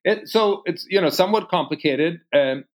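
A man's voice: high-pitched, poor audio. Swedish-born man in his fifties. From Sweden. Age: 50s. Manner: relaxed, many "uh" pauses. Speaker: guest. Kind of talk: interview answers.

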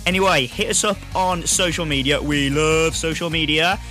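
Cheeky bright-voiced English man. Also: fairly high pitch, moderate pace. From England. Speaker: podcast co-host. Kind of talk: jokey podcast promo. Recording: faint music bed.

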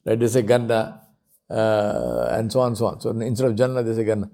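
A man's voice: lowish voice, sing-song, fairly quick, vocal fry, dark tone. A man giving a religious talk at an Islamic centre, repeating key phrases for emphasis with frequent fillers.

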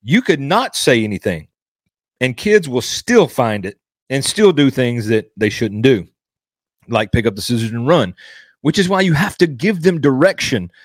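A man's voice: mid-range voice, animated, normal speed, dry recording, clean studio sound. A man hosting a podcast, critically explaining and rebutting a sermon clip he has just played, repeating his points.

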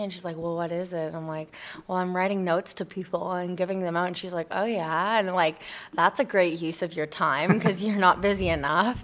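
This young woman's voice sits on the low side and has a slight brightness. As a guest being interviewed about the volunteer project she founded, she shares personal anecdotes in a loose, meandering way, peppered with "like."

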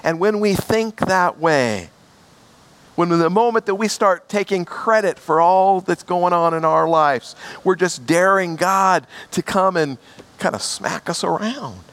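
Slow, emphatic male preacher. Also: sits high, fairly bright tone. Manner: emphatic, repeats key words for weight. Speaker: pastor. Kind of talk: sermon.

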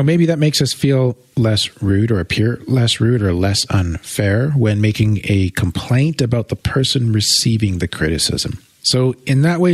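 A man co-hosting a podcast, explaining things in a thoughtful, measured way with long winding sentences. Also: mid-range voice, breathy edge, no echo, clean studio sound. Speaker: co-host. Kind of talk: casual explanatory chat.

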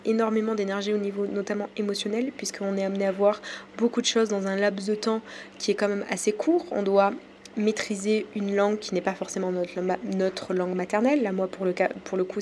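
On her solo podcast, a woman from France speaks in a relaxed but hesitant way, pausing often and using plenty of fillers. Her slightly mellow, mid-pitched voice barely moves in pitch, and a faint hum of ambient noise sits behind her.

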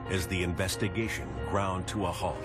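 Male documentary narrator, very low register, ominous and dramatic true-crime storytelling, prominent score behind. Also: moderate pace, over loud music.

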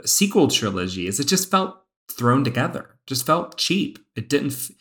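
A man co-hosting a podcast, talking thoughtfully about a TV series with drawn-out phrasing and fillers. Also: medium pitch, sing-song, a bit bright. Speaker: podcast co-host. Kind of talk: casual chat about a TV series.

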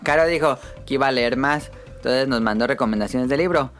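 Joking podcast host. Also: male voice, mid-range voice, brisk, a bit bright, faint music behind. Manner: joking, runs the segments. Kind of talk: casual chat.

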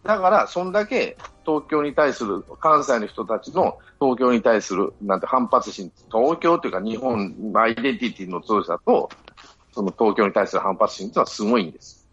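A man's voice: fairly low pitch, lively intonation, brisk, a bit bright, husky. A man in a casual podcast chat, arguing his points assertively. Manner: assertive, lecturing. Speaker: podcast panelist. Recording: dull lo-fi audio with faint music.

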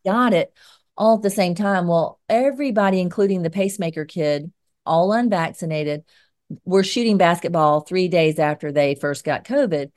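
A woman's voice: on the low side, moderate pace, a little mellow, dry recording, studio quality. A middle-aged American woman with a Southern accent from Georgia, speaking as a show host in conversation and commentary. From Georgia, United States. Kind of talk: conversational interview and spoken commentary.

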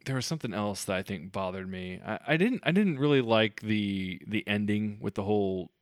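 A man co-hosting a casual podcast about movies, enthusiastic and quick to laugh. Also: lowish voice, animated, dry recording. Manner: enthusiastic, laughs often, restarts sentences. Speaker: podcast co-host.

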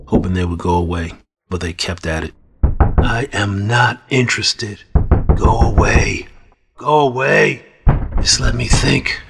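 A man reading first-person fiction in a brooding, measured, low-key way. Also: fairly bright tone, breathy edge. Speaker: audiobook narrator.

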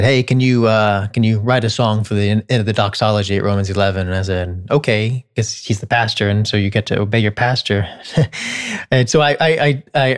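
A man in his thirties talks casually about writing songs, a composer who teaches. He thinks aloud and restarts his sentences often. Now and then he briefly sings a phrase to show what he means. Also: lowish voice. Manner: thoughtful, many restarts, sings short melodic lines to illustrate. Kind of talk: casual explanatory talk.

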